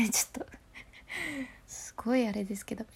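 A woman's voice: on the high side, steady tone, normal speed, vocal fry, pushed and bright, slightly rough. A woman with a Hakata accent explains voice control in a casual, playful way, laughing often. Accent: Hakata dialect.

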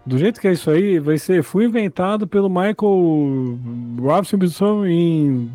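A man playing a quiz game on a podcast, excitable and self-mocking, swearing now and then. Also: high voice, measured pace, soft background music. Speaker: quiz contestant. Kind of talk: casual podcast game chat.

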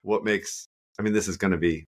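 A man's voice: low voice, steady tone, brisk. A man co-hosting a running podcast in casual chat, playful and teasing. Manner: playful, teasing, acts out quotes. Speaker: podcast co-host.

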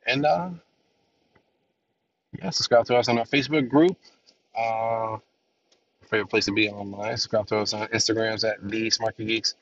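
Nasal from a cold that hasn't cleared, a solo podcast host rambles casually, filling his talk with filler words and long pauses at a normal speed. His lowish, slightly bright voice is fairly even in intonation and sounds distant in a dull, lo-fi, off-mic recording.

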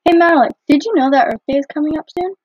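A woman co-hosting a podcast in a casual, scripted chat, often filling with "like", recorded over a low-quality phone line. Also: quick pace, a little mellow, dry recording. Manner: chatty, fills with "like". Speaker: podcast co-host. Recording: muffled dry phone-line audio.

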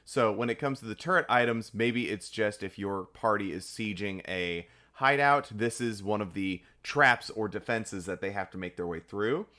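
A man co-hosting a casual geeky discussion in a jokey, excitable way. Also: fairly low pitch. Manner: jokey, excitable, quick to laugh. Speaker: podcast co-host.

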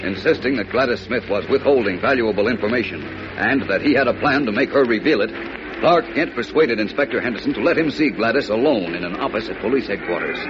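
A man's voice: mid-range voice, lo-fi sound. A man announcing and narrating an old radio serial in an urgent, theatrical, suspenseful style. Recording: scratchy old radio broadcast, music behind.

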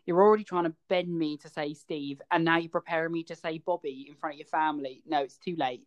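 A man's voice: on the high side, fairly even intonation, fast, dull audio. A man co-hosting a podcast in casual chat, telling stories with a wry, chatty manner. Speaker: podcast co-host.

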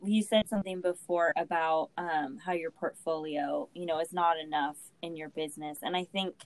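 A woman's voice: low voice, fairly even intonation, normal speed, no echo. Woman podcast host with a groggy voice. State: groggy, rough voice. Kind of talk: casual interview chat.

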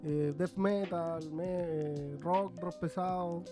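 A man's voice: high voice, fairly even intonation, slow pace, dark tone, faint music behind. A young Chilean man co-hosting a podcast, chatting crudely and laughing often. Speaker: podcast co-host. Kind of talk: casual chat.

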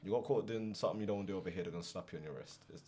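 Young male podcast host, London roadman accent, deep register, rapid slangy delivery, opinionated. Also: mellow. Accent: London, multicultural urban roadman slang. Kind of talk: casual chat.

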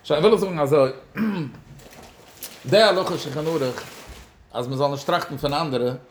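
A man giving a Torah lecture as a religious teacher, halting and repetitive, mixing in English words. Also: fairly high pitch, slight background noise. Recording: echoey room.

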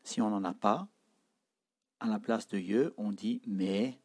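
A man's voice: lowish voice, slow pace, darkish tone, husky. A man teaching a spoken language lesson, saying words and tones one by one, repeating them, and patiently explaining how to pronounce them.

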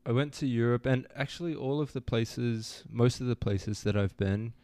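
A young man born in New Zealand, a student guest telling his story in a relaxed, easygoing way on an interview podcast. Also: mid-range voice, normal speed, no room sound. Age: young adult. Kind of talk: casual interview.

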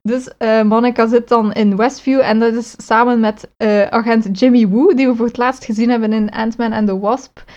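Woman co-host, rambling recap, mellow, dull lo-fi sound. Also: a little high, steady tone, normal speed, hardly any pauses. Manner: rambling, self-correcting with many fillers. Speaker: podcast co-host recapping episodes. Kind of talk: casual chat.

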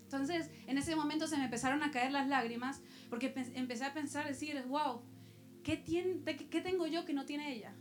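Woman, pastor, high-pitched, sermon, rhetorical questions. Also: fairly quick, faint music behind. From El Salvador. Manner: personal storytelling with rhetorical questions to the congregation.

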